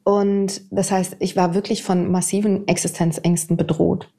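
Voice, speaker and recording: A woman in her fifties, a TV presenter, telling her personal story to an interviewer in a candid, animated way. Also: on the low side, moderate pace. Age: 50s. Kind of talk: personal testimony in conversation.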